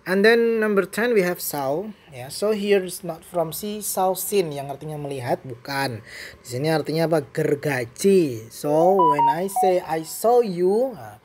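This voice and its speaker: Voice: mid-range voice, animated, measured pace, noisy background. An English teacher with an Indonesian accent, giving a bilingual vocabulary lesson and switching between English and Indonesian with playful asides.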